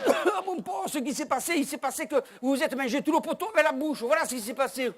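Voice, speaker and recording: A man voicing an older woman who fusses over an injured man, shrill and laughing as she talks. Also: expressive, quick pace. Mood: frantic, amused.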